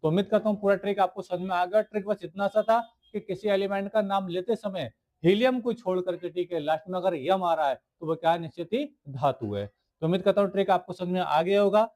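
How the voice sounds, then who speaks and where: A man's voice: high-pitched, fairly quick, few pauses, a little mellow. A man teaching school science in a video lecture, asking his students questions and answering them himself, repeating each key word. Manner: writes on the screen while explaining.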